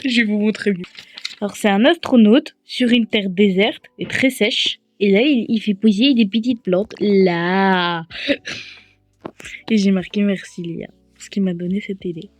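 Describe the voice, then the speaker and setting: A woman's voice: medium pitch, unhurried, dry recording, faint music behind. A young woman from France vlogging on her phone, rambling and joking at herself in a casual way. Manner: rambling, self-mocking and chatty. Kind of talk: casual vlog chat. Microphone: handheld phone.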